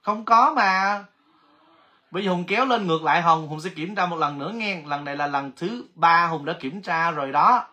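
A man hosting a casual livestream giveaway, chatty and excitable, exclaiming often. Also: fairly high pitch, fairly quick, few pauses. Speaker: livestream host.

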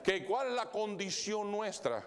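In this church sanctuary recording, a male pastor delivers a sermon full of live illustrations at an unhurried pace, with crowd noise around him. His voice swings widely in pitch, rising and dropping dramatically, and he drops English fillers such as "so" and "all right" into his Spanish preaching.

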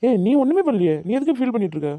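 A man's voice: on the high side, steady tone, rapid-fire, mellow, no room sound, natural voice. A man voicing a worried, earnest young college student in a cartoon, reassuring and pleading with his friends. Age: young adult. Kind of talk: animated cartoon dubbing.

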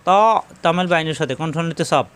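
A man with a fairly high, smooth and clear voice leads a recitation lesson. He explains each point slowly, then chants the verses with long, drawn-out notes. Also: steady tone, a bit bright. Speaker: Quran teacher.

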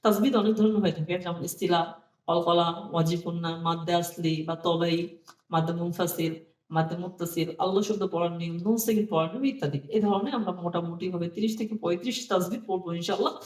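A man teaching Quran reading in a calm classroom style, explaining each rule slowly, repeating it and chanting short rhymes to help it stick. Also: sits high, far from the mic. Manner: slow, deliberate explanations, repeats each rule and often says "হ্যাঁ". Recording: echoey room, voice somewhat off-mic.

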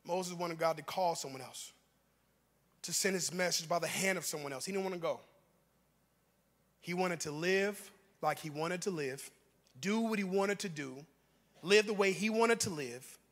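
High-voiced shouting preacher in a reverberant church. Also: male voice, moderate pace, pauses often. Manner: preaching with shouted peaks and call-and-response; acts out biblical figures' lines in a voice raised for dramatic effect. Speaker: pastor. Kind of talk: sermon. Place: church sanctuary.

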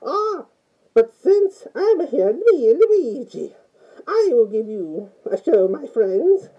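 A woman voices a timid, easily frightened Italian plumber, using a put-on Italian accent as a fan playing the game character. She rambles nervously through a game review, full of "oh" and "mamma mia." Her high, very animated voice is slow and heavily acted, and the recording sounds muffled.

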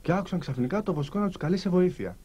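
Husky, animated male storyteller. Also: high-pitched. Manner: lively, animated, pausing between short phrases. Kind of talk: storytelling to listeners.

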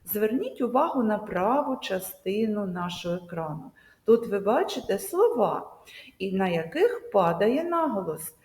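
A woman teacher giving a video lesson to children, speaking slowly and emphatically and drawing out example words. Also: mid-range voice, very animated, darkish tone. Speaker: primary school teacher. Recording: echoey room with long reverb.

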